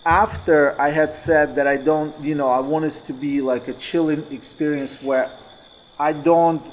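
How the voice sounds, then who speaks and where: Man, mid pitch, loose and rambling talk, faint room noise. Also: steady tone, a little slow, poor audio. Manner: rambling, self-correcting storyteller. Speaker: dancer and co-host. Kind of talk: casual chat.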